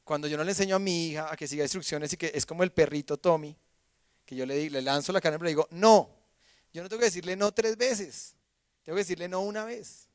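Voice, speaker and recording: A man, preaching a sermon as pastor, animated and acting out quoted voices, swinging from loud to hushed. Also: fairly high pitch, fast talker, clean tone, dry recording, clean studio sound.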